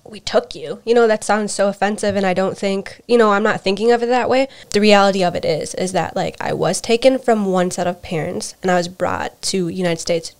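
A woman from Peru, mid-pitched, co-hosting a casual podcast. She speaks in a hesitant, reflective way and often trails off softly. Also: brisk, few pauses. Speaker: podcast co-host. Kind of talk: casual personal storytelling.

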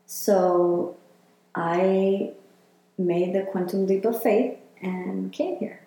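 A woman answers interview questions at an unhurried pace. Her voice is mellow and dark in tone, and she muses as she speaks, filling her pauses with "like" and "you know." The room around her is strongly echoey. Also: medium pitch, steady tone. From Chile. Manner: reflective, talks with many fillers. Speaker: interviewee, healer. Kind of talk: casual interview.

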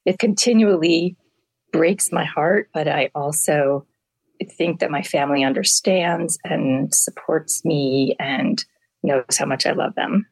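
A middle-aged woman doctor, hoarse from allergies, answering interview questions candidly and explaining with homely comparisons. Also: deep voice, slow pace, darkish tone, dry recording, rough recording. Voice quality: gravelly. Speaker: family medicine doctor, guest.

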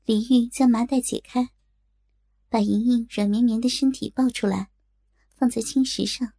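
A woman narrating a martial-arts audiobook in a measured, steady manner. Her voice is somewhat high, mellow and husky, with a gravelly edge. The recording is dry and close. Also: dry recording. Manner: measured, storytelling.

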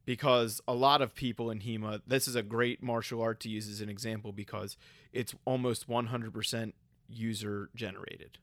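A man's voice: fairly low pitch, flat delivery, moderate pace, a bit bright, no echo. Man co-hosting a podcast, dry close sound. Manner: lays out an example step by step, with frequent ums. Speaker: podcast co-host. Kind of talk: casual conversational podcast.

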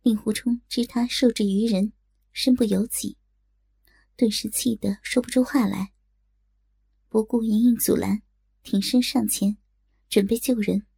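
A woman narrates a martial-arts audiobook at an even, storytelling pace. Her voice sits a little high but sounds warm, gravelly and husky. The recording is dry and close. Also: measured pace, long pauses, dry recording. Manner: steady, storytelling delivery.

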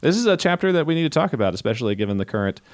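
A man's voice: mid-range voice, sing-song, rapid-fire, no echo. Joking guy hosting a church podcast, upbeat, dry studio mic. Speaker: podcast host. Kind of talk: casual podcast chat and scripture reading.

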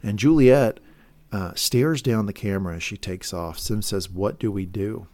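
A man with a fairly low voice co-hosts a casual podcast, walking through a TV episode scene by scene. He rambles and corrects himself as he goes, floating guesses about the plot. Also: normal speed, mellow. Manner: rambling, self-correcting, speculative. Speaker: podcast co-host.

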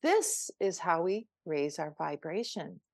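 A woman's voice: on the low side, big pitch swings, takes it slowly, vocal fry, dry recording, studio quality. An older woman, a spiritual coach, telling a personal story on a podcast in an earnest, emphatic way, with frequent restarts.

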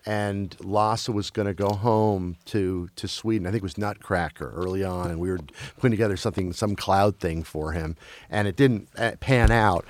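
A man's voice: sits low, normal speed. A man who grew up in Belgium, talking casually about film and streaming, with many restarts and fillers.

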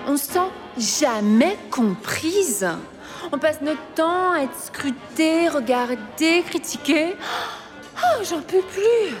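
A weary, self-pitying talking painting. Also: female voice, high voice, big pitch swings, slow, exaggerated voice. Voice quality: sighing, theatrical. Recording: reverberant with music.

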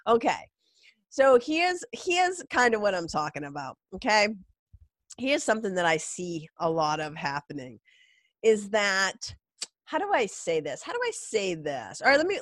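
A woman's voice: medium pitch, dry recording, clean studio sound. A middle-aged woman with a congested, nasal voice from a cold, hosting a podcast in an informal, rambling, emphatic monologue. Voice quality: stuffy, nasal. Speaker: podcast host. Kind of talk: casual solo podcast monologue.

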